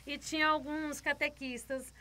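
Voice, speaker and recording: A woman's voice: high voice, flat delivery, unhurried, pushed and bright. A woman guest telling a personal faith testimony, retelling it vividly, repeating words and acting out other people's lines.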